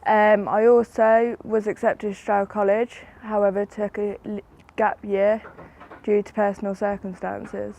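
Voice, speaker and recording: An eighteen-year-old woman and young mother, speaking in a measured way to camera. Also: medium pitch, flat delivery, creaky, a little mellow, rough recording. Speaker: care leaver and young mother. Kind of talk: interview to camera.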